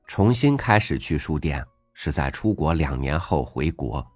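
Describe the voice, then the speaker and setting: A man with an extremely deep, low voice reads a first-person essay in a gentle, reflective manner. His voice is close and dry, recorded on a studio mic. Soft music plays faintly behind him. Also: sing-song, unhurried, no room sound. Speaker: audiobook host reading an essay. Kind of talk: scripted narration.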